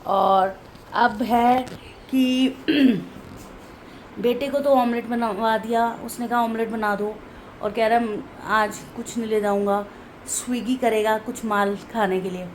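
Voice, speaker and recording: A woman's voice: on the high side, fairly even intonation, slow, a little hiss or hum, low-quality recording. A middle-aged woman from India, chatting casually to her phone camera at home as she narrates her day and talks to her dog. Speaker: vlogger. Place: home, indoors.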